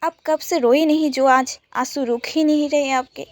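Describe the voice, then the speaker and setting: A caring, playful young woman in a spoken romance story, teasing and pleading with a bright, high voice, as a woman storyteller puts her on. The sound is close and dry. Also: steady tone, normal speed, no echo, close to an everyday voice.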